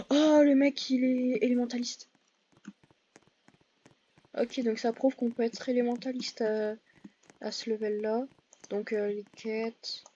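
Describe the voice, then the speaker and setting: A woman's voice: a little high, dark tone, highs cut off. A woman giving casual, hesitant commentary over her gameplay, full of fillers and self-corrections. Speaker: gaming video creator.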